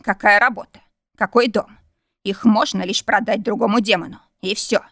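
A woman's voice: medium pitch, steady tone, normal speed, fairly bright tone, no room sound. Stern demon lord, cold and curt, dry close read; a woman voices him. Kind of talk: audiobook character reading.

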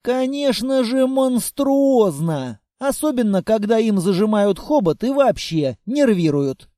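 A man narrating a fantasy story with a wry, ironic tone. His voice is high and mellow, and the recording is close and completely dry. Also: very animated, a little slow, no room sound. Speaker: audiobook narrator. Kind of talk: scripted narration.

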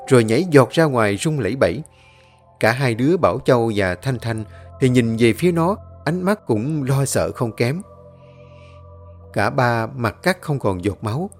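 A man narrating a ghost story in a steady storytelling manner. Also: medium pitch.

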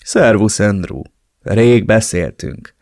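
A man voicing a cold, calmly menacing male traitor speaking on the phone in an audiobook. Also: lowish voice, no room sound, studio quality, natural voice. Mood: cold, mocking.

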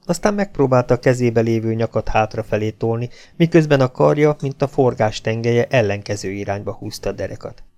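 Gravelly male audiobook narrator. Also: mid-range voice, hardly any pauses, darkish tone. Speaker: audiobook reader.

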